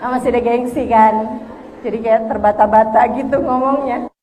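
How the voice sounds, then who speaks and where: High-voiced woman preacher, lively. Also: normal speed, highs cut off, some chatter behind, a little hiss or hum. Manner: lively, conversational, acts out dialogues. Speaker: Islamic preacher. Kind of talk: religious lecture to women.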